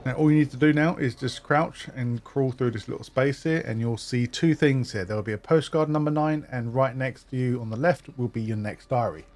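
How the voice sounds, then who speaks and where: A man's voice: mid-range voice, a little fast, hardly any pauses. A man talking viewers through a game walkthrough step by step, explaining where to find items. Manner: instructive, step-by-step, steady. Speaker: gaming guide narrator. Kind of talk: walkthrough commentary.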